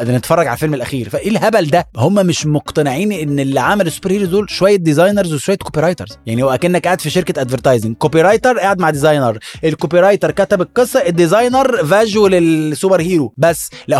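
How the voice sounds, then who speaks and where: A young Egyptian man with an Egyptian Arabic accent hosting a satirical podcast, talking fast and bluntly, crude jokes, acting out characters. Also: a little high, darkish tone. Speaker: podcast host. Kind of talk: satirical comedy monologue.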